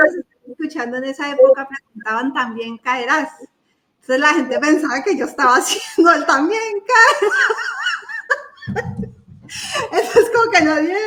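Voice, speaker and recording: High-voiced woman host, roomy echo. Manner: lively, laughing storyteller. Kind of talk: casual interview talk.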